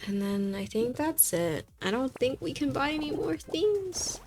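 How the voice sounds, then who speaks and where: A young woman streaming a game, chatting in a rambling, animated way and pleading with herself when the game gets tense. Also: high voice, a little slow, music in the background. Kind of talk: casual gameplay chat.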